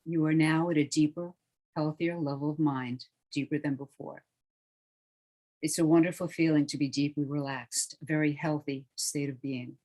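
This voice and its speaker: Hushed, soothing meditation guide. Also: mid-range voice, steady tone. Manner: slow, soothing, hushed delivery.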